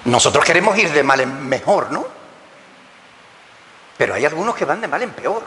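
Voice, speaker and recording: A man's voice: on the high side, sing-song, moderate pace, pushed and bright, a little hiss or hum. A man, preaching a sermon as a pastor, asking rhetorical questions and joking with the congregation. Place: church hall. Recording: long church reverb.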